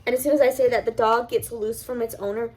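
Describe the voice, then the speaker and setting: Young woman, slightly high voice, giggly casual vlog storyteller. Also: steady tone, quick pace, a little mellow, breathy edge. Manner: giggly, chatty, lots of fillers. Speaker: vlogger.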